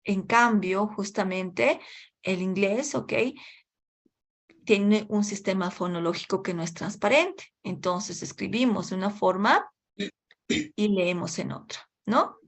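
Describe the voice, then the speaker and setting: A woman teaching an English class at an unhurried, slow pace. She checks in with her students every few phrases and drops English words into her explanations. Her voice sits at a middle pitch. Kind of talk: online class lecture.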